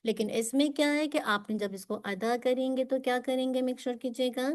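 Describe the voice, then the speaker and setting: A woman teaching Quran recitation, who patiently drills sounds slowly and clearly and switches between Urdu and English to explain them. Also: sits high, steady tone. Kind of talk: pronunciation lesson for students.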